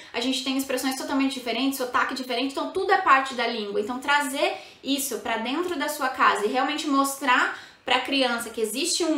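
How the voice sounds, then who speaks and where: A woman's voice: high-pitched, sharp tone, reverberant. A Brazilian woman with a Brazilian Portuguese accent, explaining bilingual parenting to parents in a chatty, casual way, full of tag questions and fillers.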